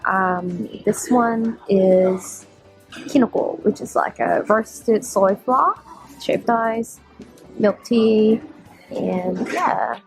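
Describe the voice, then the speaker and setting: A young woman speaks slowly and quietly, partly in a hush, in a casual vlog. Her voice has a gravelly edge, and faint music plays behind her. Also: mid-range voice. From Australia. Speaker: vlogger.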